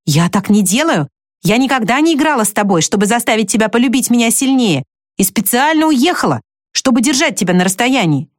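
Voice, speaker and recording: A woman reading aloud voices a frank, impulsive young woman who pleads in a high, emotional voice. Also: big pitch swings, a little fast, no echo, studio quality. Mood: pleading.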